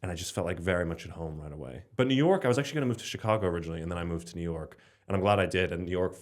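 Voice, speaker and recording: A young man from Slovenia with a deep voice talks very fast as a podcast guest. It's casual conversation, and he rambles with lots of fillers and restarts.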